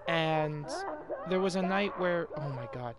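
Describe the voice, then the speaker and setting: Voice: mid-range voice, unhurried. A streamer giving live, chatty commentary on a horror game, swearing freely.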